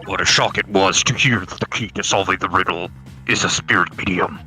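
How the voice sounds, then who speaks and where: A man voicing a menacing hidden male villain on a phone call, his voice disguised by a voice changer, calm and taunting. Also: low-pitched, brisk, soft background music. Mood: coldly taunting. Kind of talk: fan voice acting while playing a game.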